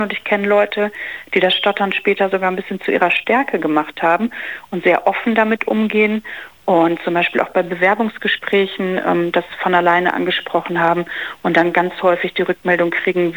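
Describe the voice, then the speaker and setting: Brief: woman therapist in an interview, lowish voice, calm and explanatory. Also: rough recording. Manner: calm, explanatory, uses examples. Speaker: speech therapist.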